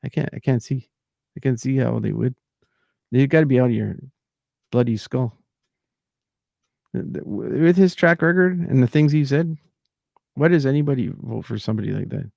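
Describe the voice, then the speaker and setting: A man's voice: mid-range voice, expressive, normal speed, creaky, long pauses, darkish tone, no room sound, clean studio sound. A man ranting and rambling in casual talk on his own livestream, repeating himself and trailing off. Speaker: livestream host.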